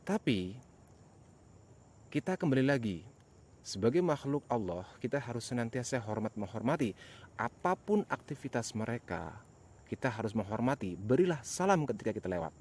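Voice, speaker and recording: A man's voice: medium pitch, sing-song, normal speed, pauses often, darkish tone. A man narrating a casual exploration vlog as he walks, with uneasy, pious asides. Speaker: host of a night exploration vlog. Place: outdoors in an overgrown plantation at night. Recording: clearly noisy outdoor night recording. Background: night animal and nature sounds.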